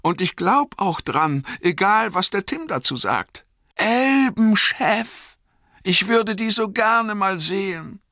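A high, thin and fluttering young hobbit gardener, timid and eager to please, as a man puts him on in a storybook reading. He talks in a quick, pleading, breathless rush, and his voice sounds bright and close. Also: expressive, no room sound, heavily acted.

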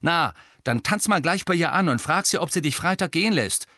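Man voicing furious bossy schoolgirl captain, high, loud, dry. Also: big pitch swings, brisk, no room sound. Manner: angry, scolding, hissing. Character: furious bossy teenage girl team captain.

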